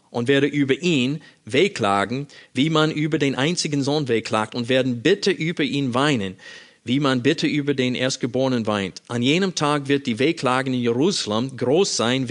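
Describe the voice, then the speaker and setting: Man preaching, reading scripture aloud. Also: medium pitch. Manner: reads scripture verses aloud and explains them; questions and addresses the listener directly. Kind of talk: Bible-teaching sermon.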